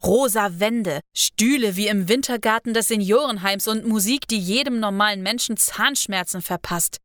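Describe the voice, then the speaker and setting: A woman playing a gruff, scornful karate teacher. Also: medium pitch, normal speed, fairly bright tone, no room sound, studio quality, close to an everyday voice. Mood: indignant.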